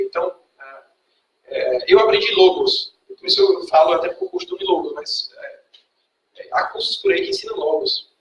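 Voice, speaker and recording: A Brazilian Portuguese-speaking man teaching a class, patiently quizzing students and checking in with a quick "tá?" after each point. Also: high-pitched, a bit bright, distant mic, slight background noise. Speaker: Greek language teacher. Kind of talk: classroom lecture. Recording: echoey classroom recorded from afar.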